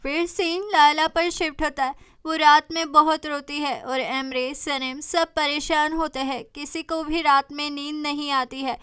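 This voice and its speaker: Bright high-voiced woman narrating. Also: a little slow, hardly any pauses, dry recording, studio quality. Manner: steady storytelling. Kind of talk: scripted drama recap narration.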